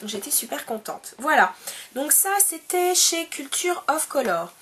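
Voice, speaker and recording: Woman, high voice, chatty, hesitant, beauty vlog at home. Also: big pitch swings, unhurried, fairly bright tone, slight background noise. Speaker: beauty vlogger. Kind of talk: casual haul video chat.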